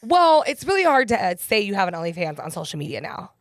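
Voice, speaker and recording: A woman's voice: medium pitch, fast talker, no echo, clean studio sound. A woman hosting a podcast in casual chat, telling stories with lots of laughter and acted-out quotes. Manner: animated storyteller, laughs a lot, acts out quotes. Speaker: podcast host.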